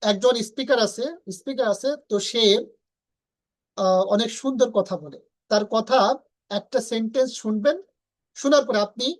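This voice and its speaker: A woman's voice: fairly high pitch, low-quality recording. A woman teaching English pronunciation in an online lesson, explaining step by step and repeating letter sounds for drill.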